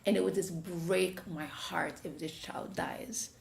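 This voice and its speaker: Speaking at a measured pace with a lowish, vocal-fry voice, a Jamaican-accented woman hosts a podcast and recounts a story casually. She's animated, performing the different voices as she goes. Slight background noise and a roomy echo fill the recording.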